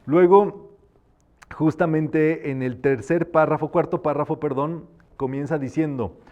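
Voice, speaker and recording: A man's voice: fairly high pitch, fairly even intonation, unhurried, highs cut off. A man teaching a live metaphysics class, explaining patiently and sometimes demonstrating by chanting affirmations.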